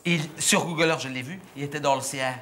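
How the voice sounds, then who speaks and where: A man's voice: on the high side, fast talker, crowd noise, natural voice. A man with a Belgian French accent playing a naive, gossipy middle-aged housewife in a chatty, indignant stand-up monologue on a theatre stage. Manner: chatty, indignant, breathless storytelling. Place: theatre stage before live audience.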